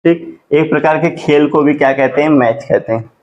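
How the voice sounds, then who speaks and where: A fairly high-voiced male teacher gives a classroom grammar lesson. He keeps asking his students questions and answering them himself, and he stretches out his spelling of each word. The sound is dull and lo-fi. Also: darkish tone. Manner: drawn-out slow spelling of words.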